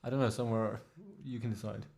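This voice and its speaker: A man's voice: lowish voice, level tone, quick pace, vocal fry, mellow. A young man co-hosting a casual podcast chat, playful and teasing with short quips. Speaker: podcast co-host.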